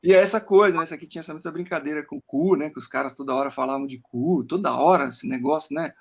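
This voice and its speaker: A Brazilian poet talks through his work in a relaxed interview over a video call. His voice sits high and has a gravelly, husky edge. He rambles, repeats words as he searches for them, and keeps tagging his sentences with a questioning "né?". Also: fast. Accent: Brazilian Portuguese. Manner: rambling, with frequent "né?" tags and stammered repeats. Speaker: poet talking about his book. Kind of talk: casual interview chat while showing his work on screen.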